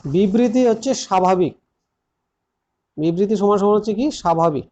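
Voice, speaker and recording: A man with a notably high voice works through an exam-prep grammar lesson one step at a time. He repeats the key points and keeps turning to his students as he explains. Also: expressive, moderate pace, mellow, muffled recording. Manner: addresses students directly. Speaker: teacher.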